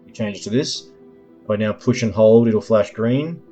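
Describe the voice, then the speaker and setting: A man demonstrating his own app in a screen-recording tutorial, explaining each control in an unhurried way, with lots of ums and uhs as he thinks aloud. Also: lowish voice, warm tone, muffled recording, faint music behind. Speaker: developer demoing his app.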